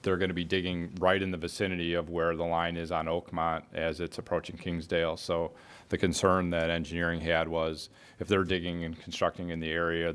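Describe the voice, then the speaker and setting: A man with a very low voice answers questions as a municipal official. He explains things informally and haltingly, feeling his way through his phrases. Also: a bit bright, clean tone.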